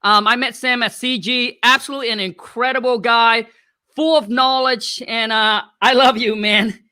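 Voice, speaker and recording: High-voiced man from Vietnam, slangy. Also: steady tone, normal speed, bright, forceful tone, smooth. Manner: casual, slangy, earnest. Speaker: guest. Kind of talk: casual interview storytelling.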